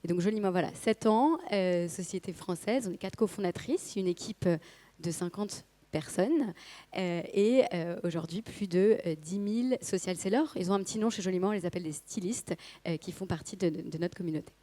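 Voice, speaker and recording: A woman with a hoarse voice that is giving out, speaking hesitantly as a guest telling a company story at a conference. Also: on the low side, brisk, dark tone. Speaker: company co-founder and marketing director, guest speaker.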